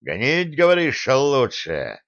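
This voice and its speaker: A hot-tempered medieval prince, put on by a male narrator, loud and domineering, raising his voice above the reader's own. His mockery comes through a dull, lo-fi recording. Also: mid-range voice, animated, a little slow, natural voice. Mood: mocking. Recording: dull lo-fi sound.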